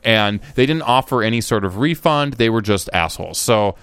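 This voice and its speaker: A man's voice: on the low side, expressive, normal speed, a bit bright, clean tone, no room sound. A man co-hosting a podcast, telling a long rambling story in casual chat with frequent restarts. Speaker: podcast co-host.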